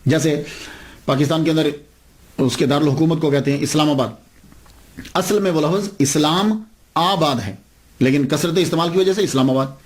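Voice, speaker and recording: High-voiced male preacher telling a story. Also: a little fast, pauses often, darkish tone. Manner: emphatic, with rhetorical questions and pitch swings. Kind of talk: sermon storytelling.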